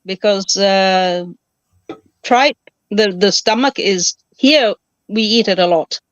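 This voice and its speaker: A woman's voice: mid-range voice, takes it slowly, dry recording. A woman from Kenya in a casual chat, eagerly explaining things and talking over others. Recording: dull, dry lo-fi call audio.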